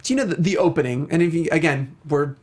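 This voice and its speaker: A talk show co-host with a higher, slightly mellow voice speaks at a quick pace, sharing anecdotes chattily and enthusiastically. The show is a casual discussion of video games and films.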